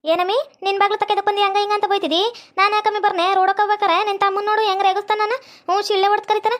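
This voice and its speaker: Cartoon village girl, complains sharply, North Karnataka accent, high and rapid. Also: flat delivery, fairly bright tone. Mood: complaining. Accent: North Karnataka Kannada. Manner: complaining, indignant. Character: young village woman, indignant at being whistled at.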